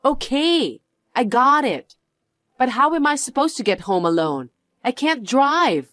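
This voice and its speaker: A woman's voice: sits high, big pitch swings, measured pace, a bit bright, no room sound, clean studio sound, exaggerated voice. A woman playing a snobbish rich woman who talks down to others with a condescending, sneering manner in a dubbed drama. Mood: dismayed.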